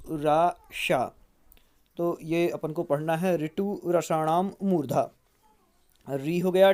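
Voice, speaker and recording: A teacher giving an exam-prep grammar lecture, asking and answering their own questions and repeating each rule slowly so students can memorize it. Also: medium pitch, darkish tone.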